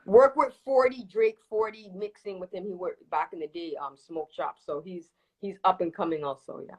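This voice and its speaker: A reggae dancehall singer from Toronto, Canada, who spent her early childhood in Jamaica, chats casually and emphatically as a guest in a live interview, repeating words for stress. Her lowish, breathy voice moves at a moderate pace, and the livestream video call audio is poor.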